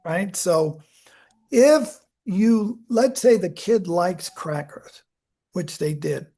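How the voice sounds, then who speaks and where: Here a psychology lecturer talks a class through child development in a lecture room, acting out examples and correcting themselves in a conversational way. The delivery is slow with lively intonation, and the medium-pitched voice sounds mellow and husky.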